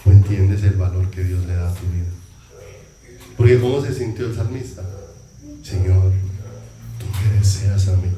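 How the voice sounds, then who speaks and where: A man with a Colombian accent preaching a sermon in a church hall, talking in a conversational way and asking the congregation many questions. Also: lowish voice. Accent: Colombian Spanish. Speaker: pastor. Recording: echoey hall, distant mic, noisy.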